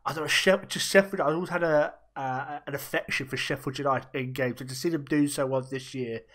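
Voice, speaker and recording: Brief: young male podcast host, rapid and chatty, a touch high-pitched. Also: steady tone, fairly bright tone. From raised Welsh, born in Germany. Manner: quick, chatty, asks rapid-fire questions. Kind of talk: casual podcast interview.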